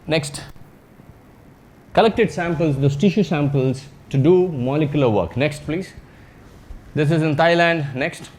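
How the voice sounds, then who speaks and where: A researcher with an Indian accent gives a public slide talk, telling anecdotes in a joking, conversational way using short phrases and tag questions. His voice is a little high and a little mellow, and he speaks slightly slowly with frequent pauses, recorded live with background noise.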